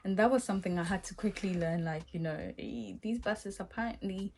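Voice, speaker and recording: A young Ghanaian woman with a Ghanaian accent tells her vlog viewers a story in a casual, animated way, acting out her own past reactions and laughing along. Her mid-range voice moves fairly quickly, and the audio carries a slight hiss or hum.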